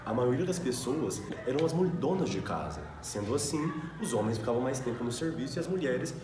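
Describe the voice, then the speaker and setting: A Brazilian Portuguese–accented man co-hosts a student radio show, speaking semi-scripted in a sing-song, mid-range voice that runs a little fast. There's a roomy echo and some faint noise behind him.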